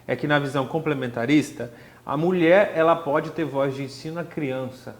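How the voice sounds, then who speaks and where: A man's voice: a little high, moderate pace. A man hosting a podcast, who speaks to the listeners directly. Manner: engaged, addresses listeners directly. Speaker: podcast host. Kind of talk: podcast discussion.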